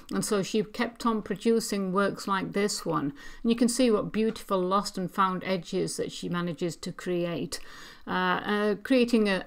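A woman presenting paintings for an auction preview, speaking in a measured, appreciative way with frequent pauses. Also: medium pitch, a bit bright, smooth. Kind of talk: art commentary on paintings.

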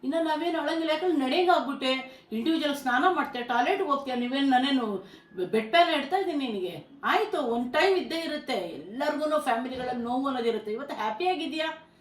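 A middle-aged mother with a Kannada accent speaks in a fairly high voice, pleading with and scolding her listeners. The sound carries a noticeable room echo. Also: animated, fast. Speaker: mother of a vlogger. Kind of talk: emotional family talk.

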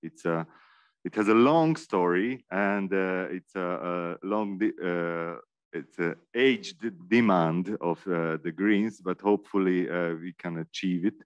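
Slow, deep-voiced hesitant man. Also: smooth, dry recording. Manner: very hesitant, many fillers and restarts. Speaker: panel moderator. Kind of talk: unscripted remarks at a panel workshop. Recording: muffled dry sound.

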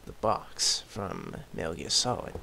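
A man's voice: sits low, wildly swooping pitch, measured pace, creaky, sharp tone, a little hiss or hum, rough recording. A man giving laid-back let's-play commentary, muttering item names and making dry asides. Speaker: gameplay commentator.

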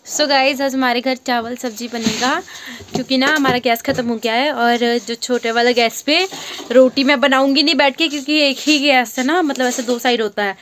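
A woman's voice: sits high, fairly even intonation, moderate pace, fairly bright tone, a little hiss or hum. A young woman vlogging casually, chatting with her viewers and calling them "guys", with English words mixed into her speech. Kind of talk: casual vlog chat.

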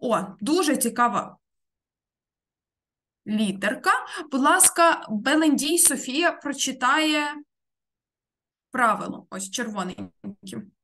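Woman teacher, online class, high bright voice, patient word-by-word explaining. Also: lively intonation. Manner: slow, careful word-by-word explaining. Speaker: Spanish teacher.

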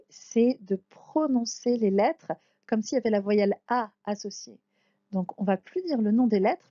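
A Hebrew teacher patiently names and sounds out letters one at a time in a slow spoken lesson. Her voice is medium-pitched and dark, and the audio is dull but free of echo.

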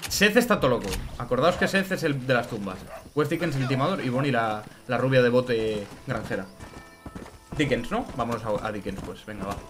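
A man giving chatty, excitable let's play commentary and greeting his chat. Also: medium pitch, a little hiss or hum. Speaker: gaming streamer.

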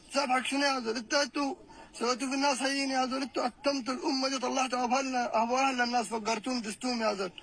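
A man with a Sudanese accent delivering a heated, taunting rant that rises to shouts. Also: very high-pitched, fairly even intonation, very fast, vocal fry, poor audio. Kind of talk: angry recorded rant.

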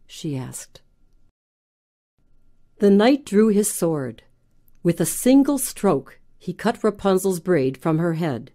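A woman narrating a children's storybook in a gentle, even storytelling manner. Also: on the low side, slow pace, long pauses.

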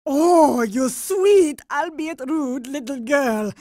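A woman voicing a sickly-sweet, menacing old grandma villain in a cartoon video game, with creaky, gloating, drawn-out delivery. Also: sits high, lively intonation, mellow, no room sound, studio quality. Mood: sickly-sweet menace. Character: doting, menacing old grandma villain obsessed with fattening up children.

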